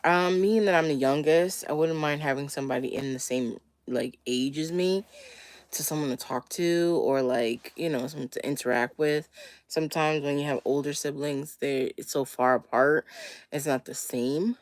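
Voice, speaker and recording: A woman's voice: deep voice, steady tone, normal speed. A slightly wheezy woman getting over a cold, chatting casually as she hosts a question-and-answer livestream in a laid-back manner. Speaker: livestream host.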